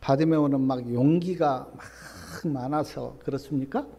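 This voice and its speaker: A male pastor preaching a sermon, swinging between soft, low asides and loud, emphatic appeals. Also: moderate pace, vocal fry, breathy edge. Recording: long reverb of a church hall.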